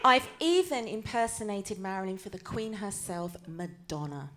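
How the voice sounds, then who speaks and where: A woman's voice: mid-range voice, lively intonation, normal speed, fairly bright tone, slight background noise. A woman, a comedian, telling stories in a chatty, self-mocking way in a live stand-up show. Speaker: comedian and impersonator.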